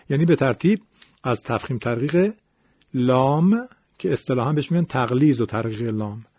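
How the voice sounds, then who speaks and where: A man's voice: mid-range voice, a little mellow, husky, dry recording. A man teaching Quran recitation in a patient lecture, explaining rules and demonstrating pronunciation aloud, on a dull lo-fi recording. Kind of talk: classroom-style lecture.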